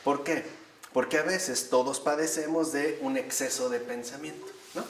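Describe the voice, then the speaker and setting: A man's voice: medium pitch, fairly even intonation, moderate pace, slight background noise. A man gives an emphatic spiritual talk, asking his audience questions and answering them himself. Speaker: speaker giving a talk on recovery steps and meditation. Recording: echoey room, from far off.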